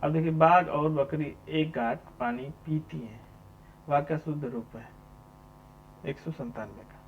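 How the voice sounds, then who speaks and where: Male tutor working through a test, somewhat high voice, lo-fi recording. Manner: repeats each question number, asks and answers himself. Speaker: teacher. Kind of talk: exam answer walkthrough. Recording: dull lo-fi sound with mains hum.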